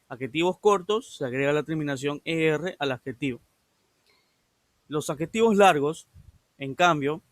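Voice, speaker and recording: A man's voice: fairly high pitch, fairly bright tone, no echo. A male English teacher giving a recorded lesson, patiently explaining and repeating grammar rules step by step. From Ecuador.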